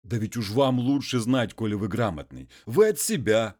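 A man voicing an illiterate peasant man who wheedles and pleads in folksy, drawn-out speech. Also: on the low side, expressive, darkish tone, pitched above the performer's own voice. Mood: pleading.

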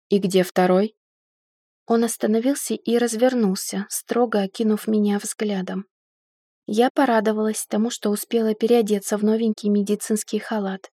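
A woman narrating an audiobook in the first person, in a lively and ironic storytelling manner. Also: mid-range voice, breathy edge, no echo, clean studio sound.

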